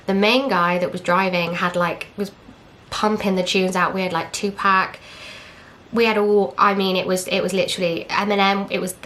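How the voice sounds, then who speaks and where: A woman's voice: mid-range voice, fairly bright tone. A young woman from England, candidly telling a personal story in casual chat, acting out what others said. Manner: candid, chatty, retells with quoted dialogue and fillers. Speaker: vlogger.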